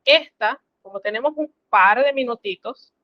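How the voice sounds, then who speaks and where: A woman's voice: on the high side, no room sound, dull audio. A woman teaching a French class online, explaining step by step in a patient, instructive way. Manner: slow, patient, instructive, addresses students formally.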